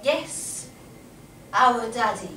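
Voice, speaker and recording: A woman's voice: a little high, drawn-out words, pushed and bright, heavily acted. An older woman playing a confused, childlike, querulous elderly mother in a staged play reading. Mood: muddled, plaintive. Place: small indoor stage. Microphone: far camera. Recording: echoey small theatre, distant mic, noisy.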